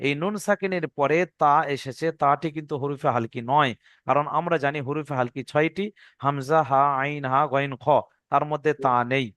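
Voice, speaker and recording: A male teacher with a slightly high voice, patiently walking through a reading lesson and repeating the rules. He draws out letter names in a sing-song way. The sound is close and dry, with no room echo. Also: a bit bright. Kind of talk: classroom lesson recitation.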